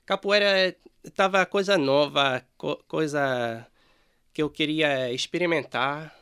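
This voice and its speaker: Canadian man, slow hesitant speech, smooth clear voice. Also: fairly high pitch, fairly bright tone. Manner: hesitant, many fillers and restarts in a second language. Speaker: musician guest.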